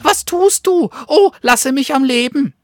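A man doing a shrill, terrified little bat. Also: animated, measured pace, dry recording, studio quality. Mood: terrified pleading. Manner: shrill pleading squeaks. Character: frightened little female bat, squeaking.

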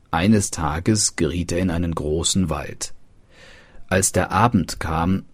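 Brief: husky male storyteller for fairy-tale narration, measured, bone-dry studio sound. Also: sits low, no echo.

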